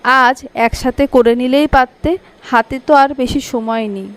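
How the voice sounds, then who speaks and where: A woman voicing a calm senior man of the family talking about wedding plans. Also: high-pitched, unhurried.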